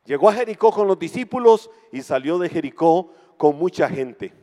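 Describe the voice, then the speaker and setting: A middle-aged Costa Rican man preaching a dramatic sermon, swinging from quiet talk to shouted passages. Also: fairly high pitch, animated, moderate pace, in a large hall. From Costa Rica. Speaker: pastor.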